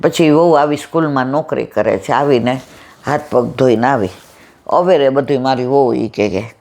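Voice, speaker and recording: A satsang speaker, telling devotional stories and repeating phrases that trail off low and soft. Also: moderate pace. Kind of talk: devotional storytelling talk.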